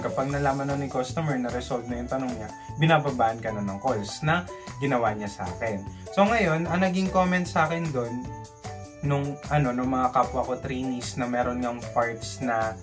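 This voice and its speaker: A young man with a Filipino accent telling a story casually in a vlog, in an animated way, acting out bits of dialogue. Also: medium pitch. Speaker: vlogger recounting call center training. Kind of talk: casual storytelling vlog, mixing Tagalog and English.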